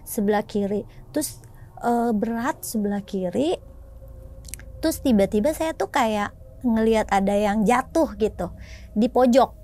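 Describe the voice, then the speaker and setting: A woman from Indonesia casually retelling a personal experience, acting out the dialogue in raised, animated voices. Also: on the high side, unhurried, pauses often. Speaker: storyteller sharing a personal experience.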